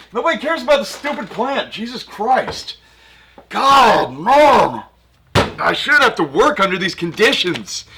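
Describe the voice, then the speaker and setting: Man playing a vain, short-fused wrestler in a comedy sketch; high voice, wildly animated, exasperated griping. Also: a little hiss or hum, exaggerated voice. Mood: indignant. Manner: indignant, exasperated, boastful complaining. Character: arrogant, temperamental pro wrestler shooting a commercial.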